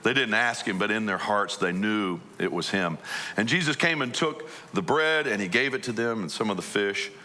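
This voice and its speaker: Bright-voiced pastor preaching. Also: male voice, on the low side, normal speed. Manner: conversational, asks the audience many questions. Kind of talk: sermon.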